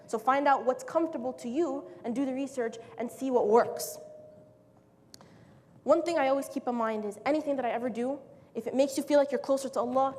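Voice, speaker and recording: A young woman giving a casual, lively, joking motivational talk to an audience. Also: a little high. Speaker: speaker. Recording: echoey hall, faint noise.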